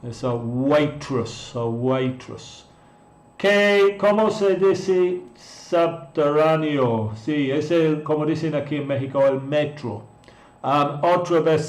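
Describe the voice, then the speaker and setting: A man's voice: medium pitch, darkish tone. A man teaching an English lesson in a live stream, patiently repeating words and answering viewers in a chat. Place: room in Mexico. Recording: echoey room.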